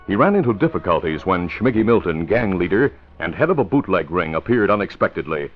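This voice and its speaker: A man reads scripted lines as an old-time radio announcer and narrator, his deep voice sing-song and fairly quick, with faint music behind. The vintage radio recording is muffled and faintly noisy.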